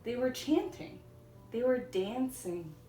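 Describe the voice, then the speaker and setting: A woman teacher reading a storybook aloud for young children, in simple, deliberate phrases. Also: on the high side, lively intonation, dark tone. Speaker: elementary school teacher. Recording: echoey room, distant mic, faint noise.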